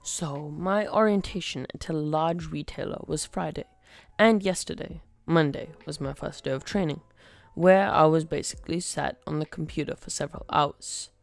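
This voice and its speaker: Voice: medium pitch, normal speed, creaky, no room sound, faint music behind. A podcast host reading online stories aloud in a wry, conversational way. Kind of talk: story reading.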